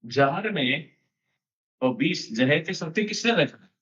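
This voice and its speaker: A man's voice: on the high side, animated, takes it slowly, fairly bright tone. A man giving a storytelling sermon in a chatty style, mixing in English phrases and laughing now and then. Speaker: devotional speaker. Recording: echoey, distant, dull sound.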